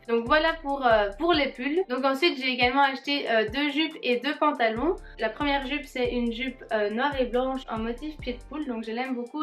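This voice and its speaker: A young woman in a casual try-on haul vlog, talking viewers through her clothes in a friendly way, often pausing on filler words. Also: fairly high pitch, a bit bright. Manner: hesitant, with frequent filler pauses; friendly, addressing viewers directly. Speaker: fashion vlogger.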